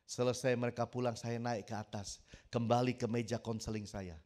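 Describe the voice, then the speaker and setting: Middle-aged male pastor from Indonesia, preaching a story-driven sermon that swells into loud emphatic appeals. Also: mid-range voice, level tone, moderate pace. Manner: storytelling, acts out quotes, builds to loud emphatic peaks.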